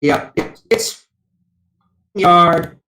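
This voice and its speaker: Man, breaking-up call audio, choppy and cutting out, halting fragments, echoey and distant. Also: high-pitched, sharp tone. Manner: halting and fragmentary, repeating short bits. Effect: call audio breaking up badly, choppy and cutting out. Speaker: livestream guest joining by call. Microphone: remote video call with camera off.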